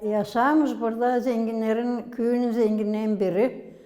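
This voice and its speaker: A woman from Gagauzia with a Gagauz accent, explaining village history as a local museum guide in an unhurried, halting way with many pauses. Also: on the high side, steady tone, mellow, in a large hall, soft background music. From Gagauzia, Moldova.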